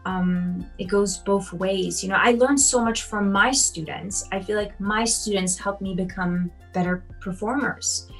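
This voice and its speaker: A woman in her thirties, a pianist who grew up in Austria, answers interview questions in a chatty, encouraging tone. She talks at an even middle pitch, often pausing on ums and you-knows, with faint music in the background. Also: vocal fry, poor audio. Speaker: piano teacher and competition judge.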